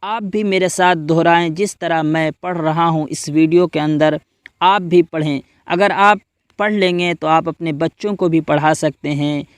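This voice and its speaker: A man leads a step-by-step reading lesson and spells out each letter slowly so learners can repeat it. His voice is high and smooth. The recording is close and dry, with no room sound. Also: steady tone, no echo. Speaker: Quran reading teacher.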